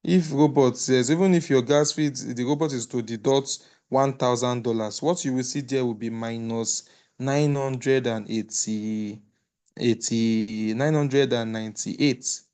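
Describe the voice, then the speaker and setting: A man's voice: medium pitch, steady tone, measured pace, a little mellow, smooth. A man moderating an online group call who gives advice in a hesitant way, full of fillers and restarts. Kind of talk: casual group call, closing remarks.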